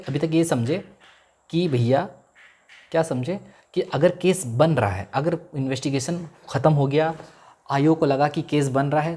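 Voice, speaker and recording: A male law lecturer, teaching in a classroom style. He keeps asking his listeners to repeat the key terms and stretches out English legal phrases slowly. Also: fairly high pitch, dark tone, slightly rough. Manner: repeats key terms as call-and-response questions.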